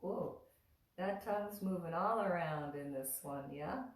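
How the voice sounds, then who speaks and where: A woman teaching mantra chanting in a gentle spoken lesson, leading call-and-response lines that she draws out in song. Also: lowish voice. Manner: soft, unhurried teaching, lifting into drawn-out sung chant lines. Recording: roomy echo, voice heard from a distance.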